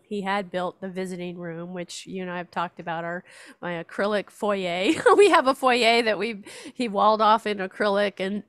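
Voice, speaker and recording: An older woman, a writer and artist who is a show regular, chats casually in a lowish voice, laughing often. She also reads one of her own poems aloud. The recording is dry.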